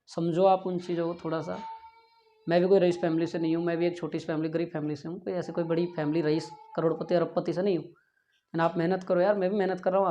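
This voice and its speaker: A high-pitched, dark-toned male voice belongs to a physics teacher giving a classroom lecture and an earnest, pleading talk. He often asks students if they follow and says "yaar". The dull lo-fi recording was made in a classroom with a board.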